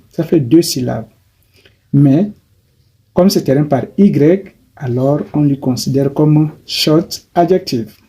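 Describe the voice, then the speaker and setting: A man teaching a grammar lesson, slowly and haltingly, repeating himself and correcting his as he goes. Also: fairly high pitch, mellow, slightly rough. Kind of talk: grammar lesson explaining English adjectives.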